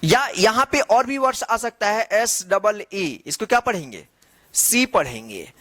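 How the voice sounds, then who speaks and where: A male English teacher giving a classroom-style lesson. He spells letters out slowly and answers his own questions. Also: high-pitched, lively intonation, a bit bright, no room sound.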